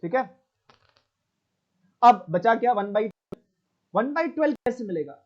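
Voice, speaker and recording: A man's voice: very high-pitched, animated, a little slow, lo-fi sound. A man teaching math in an online class, switching between Hindi and English and often checking in with his students.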